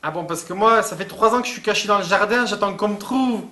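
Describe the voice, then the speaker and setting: A man's voice: high voice, fast talker, bright, forceful tone. A man playing a brash, boastful caller in a student comedy sketch. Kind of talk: comic sketch acting.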